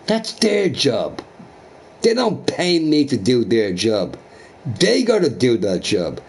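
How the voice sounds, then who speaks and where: Profane ranting streamer man. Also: a little mellow. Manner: repetitive, profane, mocking, drops low to a mutter. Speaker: live streamer. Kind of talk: angry rant at a chat viewer.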